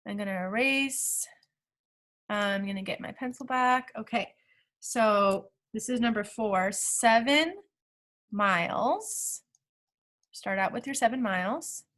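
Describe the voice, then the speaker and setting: A woman teacher walks step by step through a math problem in a recorded lesson. She speaks at a slow, steady pace in a fairly high voice, checking in with her students as she works. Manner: talks through steps aloud, checking in with okay.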